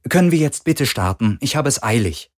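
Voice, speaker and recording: A man voicing a sly young female thief with a soft, melodic voice and feigned innocence. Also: medium pitch, sing-song, fairly quick, pitched above the performer's own voice. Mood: sly, haughty.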